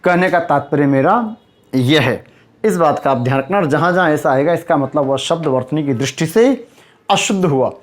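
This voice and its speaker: A male teacher giving a spelling lesson to exam students, slowly repeating each word for emphasis. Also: on the high side, animated. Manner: slow, repeats words for emphasis.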